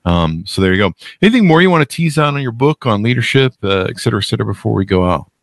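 Male podcast host, low voice, dry close sound, chatty and self-deprecating. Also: lively intonation, very fast, dry recording. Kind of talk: casual podcast interview.

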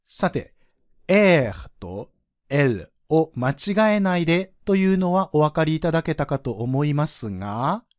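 A man's voice: fairly high pitch, very animated, measured pace, no room sound, studio quality. A man teaching French pronunciation on a podcast, patiently demonstrating sounds for listeners to repeat.

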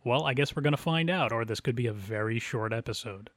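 A man co-hosting a talk show about community theater, chatting easily and laughing often. His voice sits at a middle pitch. It is recorded dry and close, with no room sound. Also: quick pace, fairly bright tone, dry recording. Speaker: podcast co-host. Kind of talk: casual chat.

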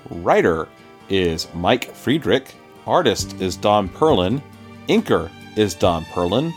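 Low-voiced man recapping a comic. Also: big pitch swings, slow pace, faint music behind. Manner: reads issue credits and plot recap, then chats with many fillers and repeats. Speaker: podcast co-host. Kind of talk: comic book podcast, summary then casual chat.

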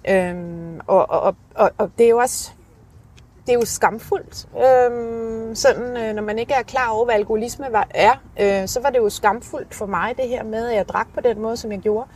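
Slightly husky woman. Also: fairly high pitch, a little mellow. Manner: hesitant, searching, with repeated words and casual swearing. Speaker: interview guest telling of own alcoholism. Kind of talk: candid personal interview storytelling.

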